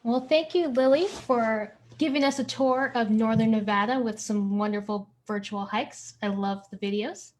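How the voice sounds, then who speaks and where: A woman's voice: a little high, steady tone, moderate pace, few pauses. A woman hosting a family-friendly online bingo event, chatty and encouraging, drawing out the words she announces. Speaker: event host running bingo.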